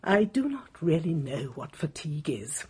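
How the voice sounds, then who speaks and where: A woman's voice: low voice, sing-song, moderate pace, mellow, husky, heavily acted. An actress playing an imperious, self-important English lady with an upper-class accent, haughty and opinionated in a radio drama. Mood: haughty certainty.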